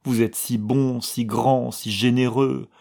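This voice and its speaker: A man's voice: mid-range voice, steady tone, creaky, darkish tone. A man reading as a tearful young woman. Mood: sorrowful. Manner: pleading, sorrowful, slow delivery.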